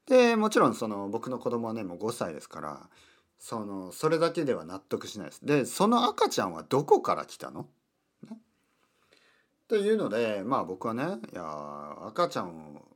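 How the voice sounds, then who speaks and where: A man with a low voice that swoops up and down expressively as he chats alone to his listeners. He keeps his wording simple and paced for learners, pausing to explain words along the way. His tone is casual and full of small asides. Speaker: podcast host. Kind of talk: casual solo talk in simple Japanese for learners.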